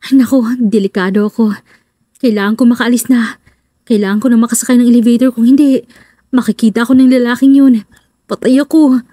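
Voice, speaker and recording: A woman's voice: fairly high pitch, steady tone, brisk, long pauses, mellow, no echo, studio quality, natural voice. A woman voicing a flustered young wife. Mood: panicked. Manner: nervous, stammering.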